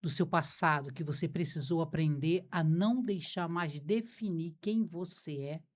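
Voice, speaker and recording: A Brazilian woman hosts a conversational interview podcast, speaking frankly and informally with a Brazilian Portuguese accent. Her voice is deep with a darkish tone, and she talks at a normal speed.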